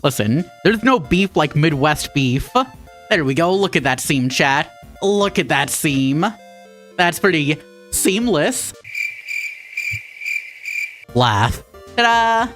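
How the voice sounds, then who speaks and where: Animated Minnesotan woman streaming. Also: deep voice, slow, long pauses, soft background music. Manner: irreverent, jokey, talks to chat while sewing. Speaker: VTuber streamer. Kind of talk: casual craft livestream chat.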